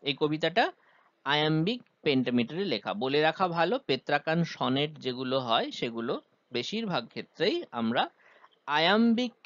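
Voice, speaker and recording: A man's voice: fairly high pitch, a bit bright, no room sound, muffled recording. A man teaching a poem's rhyme scheme and meter, explaining step by step with frequent "ah" hesitations. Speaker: literature teacher.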